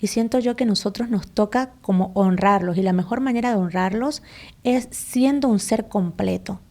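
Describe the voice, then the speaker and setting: A woman's voice: medium pitch, normal speed, a little mellow. A woman hosting a podcast, asking reflective questions in a thoughtful, slightly hesitant way. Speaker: podcast host. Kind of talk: conversational interview.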